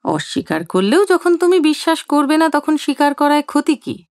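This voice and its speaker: A teasing older husband, as a woman narrator puts him on, full of playful, mock-innocent banter. The voice sits fairly high and swings lively up and down. It is heard dry and close, like an audio storybook. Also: normal speed, no room sound.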